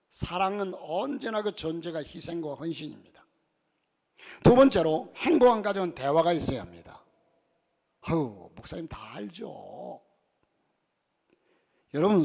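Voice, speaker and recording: A male pastor preaches a sermon in a church, weaving humorous stories into his message and swinging between loud and soft delivery. His voice is a little high, with big pitch swings, at a normal speed.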